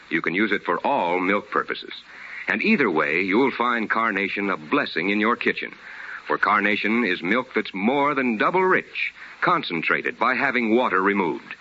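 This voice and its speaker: On a dull-sounding old radio broadcast with music, an American man hosts and reads sponsor announcements in the polished, formal, scripted manner of 1950s radio, with emphatic delivery. His voice is fairly low, pushed and bright, with a little hiss or hum.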